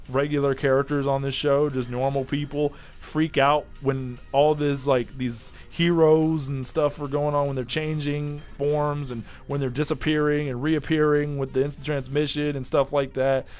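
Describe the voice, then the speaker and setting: A man's voice: mid-range voice, darkish tone. Chatty young guy reviewing anime. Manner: rambling, offhand, chatty with fillers. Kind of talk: casual video review.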